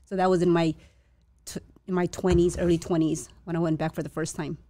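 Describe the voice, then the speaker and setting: A young woman born to a Chinese family in Vietnam, whose first language is a Chinese dialect, speaks as a guest in a casual interview. Her voice sits on the low side, level, brisk and mellow, with no echo. She comes across as hesitant and reflective, restarting often.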